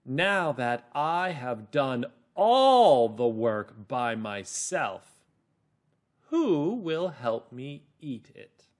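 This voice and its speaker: A man voicing a determined, hard-working female hen from a storybook, with emphatic, carefully drawn-out words. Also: medium pitch, sing-song. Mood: pointed.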